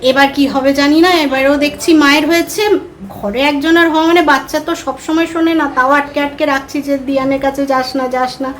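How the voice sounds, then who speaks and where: A woman in her thirties with a Bengali accent, a mother and vlogger, chats casually to viewers while doing chores around her home, in the kitchen and other rooms. Her voice is high-pitched and steady at a normal speed, and the recording quality is low.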